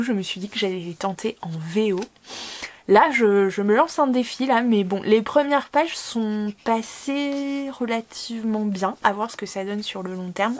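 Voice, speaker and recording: A woman's voice: medium pitch, a little mellow. A woman book vlogger chatting casually, rambling with many fillers and self-corrections. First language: French. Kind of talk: casual chat.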